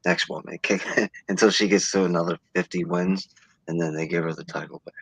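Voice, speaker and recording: A man's voice: sits low, steady tone, a little fast, a bit bright, husky, no echo, low-quality recording. A man co-hosting a casual podcast chat, talking in a rambling, laid-back way. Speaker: podcast co-host.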